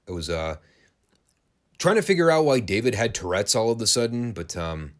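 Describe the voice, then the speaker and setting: A man's voice: medium pitch, big pitch swings, a little fast. A man hosting a wrestling podcast, giving a casual, sarcastic and crude play-by-play review of an old broadcast. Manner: sarcastic, crude, dry humor.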